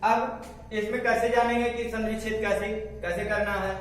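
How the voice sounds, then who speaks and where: Teacher, male, from India, high voice, board lesson, repeats and self-quizzes, captured from afar in a very echoey classroom. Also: flat delivery, slight background noise. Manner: repeats words slowly, asks and answers his own questions. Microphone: far from the mic. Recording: echoey classroom, voice far from the mic.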